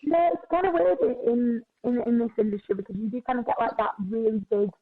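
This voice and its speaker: A twenty-one-year-old woman, a personal trainer, talking in casual podcast chat, chatty and quick with lots of filler words. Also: fairly high pitch, expressive. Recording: tinny phone-like sound.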